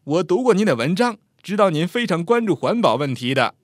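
Man doing a confident young man, hearty, frank, lively pitch, slightly high, dry close sound. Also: brisk, no room sound. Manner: frank, cheerful, persuasive.

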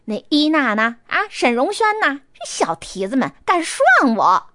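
A woman voicing a flamboyant, touchy male makeup artist who talks in a shrill, camp, indignant way. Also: sing-song, moderate pace, no echo, studio quality. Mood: outraged.

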